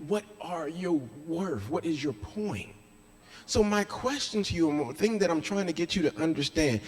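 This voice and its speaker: Emphatic man preaching in an echoey hall. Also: mid-range voice. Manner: emphatic preaching, swinging between loud and hushed. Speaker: pastor. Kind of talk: sermon.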